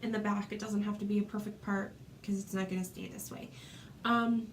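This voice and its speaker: A woman from Florida, stuffy with a cold, chats casually through a hair tutorial at home, saying "um" often as she demonstrates. Her medium-pitched voice is flat and a little fast, with slight background noise.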